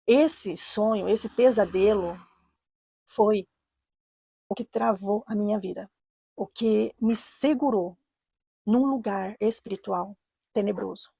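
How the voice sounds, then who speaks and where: A Brazilian woman with a Brazilian Portuguese accent, telling a true personal story in an earnest, measured way and repeating phrases for emphasis. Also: medium pitch, vocal fry, mellow, breathy edge, dry recording. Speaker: storyteller, channel host.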